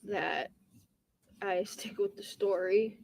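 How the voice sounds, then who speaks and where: A woman on the witness stand under courtroom examination, giving brief, plain, halting answers to questions. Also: medium pitch, vocal fry, darkish tone. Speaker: witness testifying.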